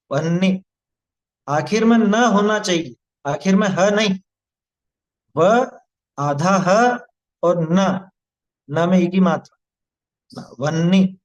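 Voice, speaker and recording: A man teaching a devotional hymn who slowly chants its Sanskrit verses, then patiently explains each word and its pronunciation. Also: sits high. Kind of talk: verse-by-verse recitation and pronunciation lesson. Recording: slightly dull lo-fi recording.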